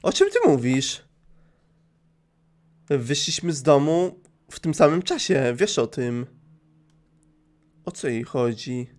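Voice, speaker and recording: A man's voice: medium pitch, animated, slow, pauses often, a little mellow. A young man giving a joking, sarcastic let's play commentary on a game and swearing casually. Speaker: gaming youtuber.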